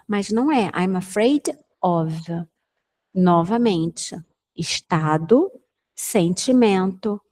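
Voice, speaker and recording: A woman's voice: medium pitch, a little mellow. A young Brazilian woman teaching English in a casual online lesson, patiently explaining and repeating examples. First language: Portuguese.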